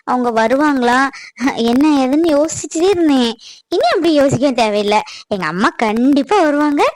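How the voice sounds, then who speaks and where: A woman's voice: high-pitched, dry recording, poor audio. Woman playing chatty young wife, eager, dry close sound. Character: young married daughter, excited and hopeful. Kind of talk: family drama skit.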